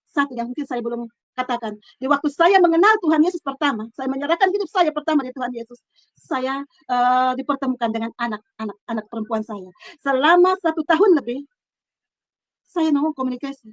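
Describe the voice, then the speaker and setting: Middle-aged woman telling her testimony, high voice, talks fast, earnest, stops and restarts, dry close sound. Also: animated, dry recording. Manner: earnest, halting with restarts, swings between soft and loud. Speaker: testimony speaker. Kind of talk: emotional personal testimony. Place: her own room.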